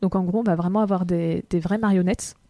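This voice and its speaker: A woman's voice: fairly low pitch, steady tone, brisk, warm tone, no echo. A woman co-hosting a casual film podcast, explaining things step by step with many fillers. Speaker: podcast co-host.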